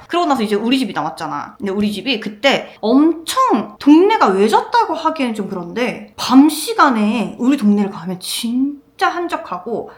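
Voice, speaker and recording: A woman in her late twenties telling a personal story casually, acting out the lines she quotes. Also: a little high. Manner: animated, acts out quoted lines. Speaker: vlogger. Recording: roomy echo.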